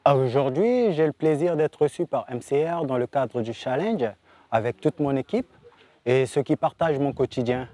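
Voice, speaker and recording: A man from the Republic of the Congo, a music artist giving an earnest, reflective and deliberate interview statement. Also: mid-range voice, dark tone, dry recording.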